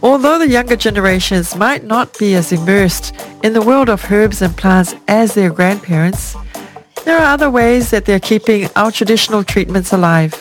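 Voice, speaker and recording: A woman's voice: mid-range voice, expressive, moderate pace. Woman from Samoa, interviewing, faint music. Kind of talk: broadcast interview.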